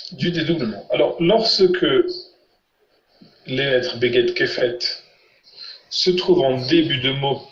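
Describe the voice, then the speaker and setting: Patient male teacher quizzing his students. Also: medium pitch. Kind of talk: online language lesson. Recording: roomy, muffled lo-fi sound.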